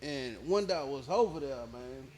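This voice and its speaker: A man, a rapper telling stories in a relaxed, slang-heavy interview, often checking in with the listener. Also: mid-range voice, normal speed, a little hiss or hum. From born in Nigeria, raised in Houston, Texas. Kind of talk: casual interview storytelling.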